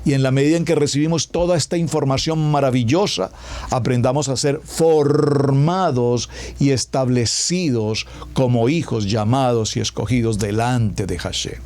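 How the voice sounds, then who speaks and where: A man preaching a radio sermon as pastor, stacking words into lists and slowing down to stress key words. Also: medium pitch, darkish tone.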